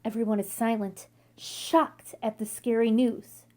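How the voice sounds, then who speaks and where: In a slightly high voice, a woman reads from a children's picture book, delivering the story with deliberate expression.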